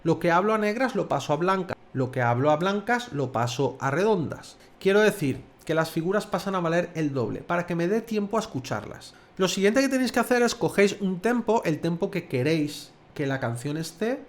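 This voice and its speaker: A man's voice: high-pitched, sing-song. A man from Spain with a Spanish accent, teaching songwriting in a casual video lesson, chatty and demonstrative. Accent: Spanish, from Valencia. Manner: chatty, demonstrative, sings and speaks lyrics slowly in rhythm. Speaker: music theory teacher.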